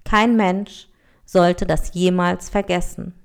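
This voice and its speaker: Storybook part: Life, a wandering spirit, calm and solemn, read by a woman. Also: fairly low pitch, takes it slowly, creaky, smooth. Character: Life, a wandering spirit who heals and tests people.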